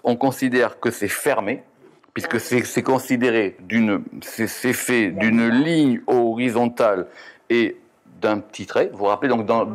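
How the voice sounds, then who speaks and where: A man teaching a Kabbalah text lesson, reading Hebrew letter and vowel names and explaining them, often stopping to correct himself. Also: medium pitch. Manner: reads Hebrew terms then explains in French, self-correcting.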